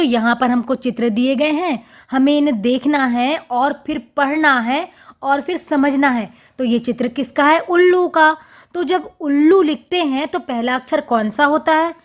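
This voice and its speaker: Slow, high-voiced woman teaching children. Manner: slow, clear, sing-song teaching to children. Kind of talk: children's Hindi lesson, reciting and sounding out syllables.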